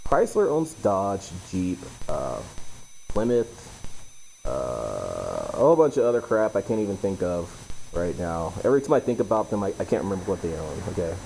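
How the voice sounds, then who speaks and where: A man with a low, mellow voice talks casually to his viewers, blunt and loose, tagging his points with "okay?". A faint hum of room noise sits behind him. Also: very animated, moderate pace, vocal fry, rough recording. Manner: loose and blunt, many fillers and "okay?" tags. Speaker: YouTube host. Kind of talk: casual explainer talk.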